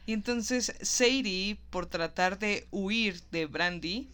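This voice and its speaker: A woman's voice: medium pitch, slow pace. A woman chatting casually as she recaps a film, acting out the characters' lines with animation. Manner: animated, acts out quoted lines.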